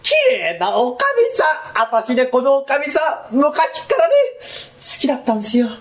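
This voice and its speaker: A bumbling Edo townsman rambles through his tale in rough, sheepish street talk, played by a man doing rakugo. His voice sits fairly high and bounces widely in pitch. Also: sing-song, moderate pace, full character voice. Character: bumbling boastful Edo townsman Kuma, smitten. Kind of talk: rakugo storytelling.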